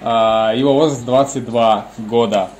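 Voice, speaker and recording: A man's voice: mid-range voice, steady tone, a little slow, darkish tone. A man giving live commentary on a combat sports bout as the lead commentator. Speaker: fight commentator. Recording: roomy echo, music behind.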